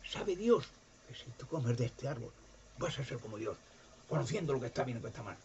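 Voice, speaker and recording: A man doing a sly, soft-spoken serpent. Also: medium pitch, very animated, fairly quick, creaky, lo-fi sound, slight background noise. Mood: insinuating. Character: sly tempting serpent, male, persuasive.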